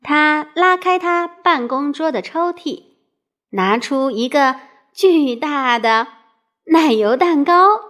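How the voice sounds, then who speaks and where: Lively, high-voiced woman reading a storybook. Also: slow. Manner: expressive, with playful questions to the listener.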